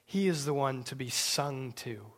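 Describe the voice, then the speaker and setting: A male pastor delivers a sermon at an unhurried, drawn-out pace. His voice sits at an ordinary middle pitch, swelling with emphasis and then falling to hushed, breathy asides. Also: expressive. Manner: slow, emphatic preaching with hushed whispered asides.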